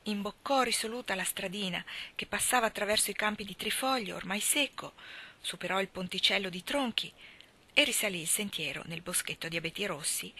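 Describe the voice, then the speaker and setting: A woman narrating a novel aloud in an expressive, measured way. Her voice sits at an ordinary pitch and sounds notably bright. The reading keeps a steady storytelling flow. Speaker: reader. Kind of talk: audiobook narration.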